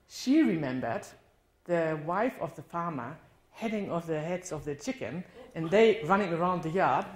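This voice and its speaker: A guest speaker from northern Germany, a woman with a German accent and a lowish, slightly mellow voice, gives a personal testimony talk in a church hall. She reflects candidly on her life, correcting herself now and then, and the recording carries the roomy sound of the hall.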